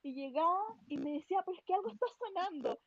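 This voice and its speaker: High-voiced Chilean woman telling a story. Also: fast, lo-fi sound, background noise. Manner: animated, laughing, slangy storytelling. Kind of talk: casual storytelling chat.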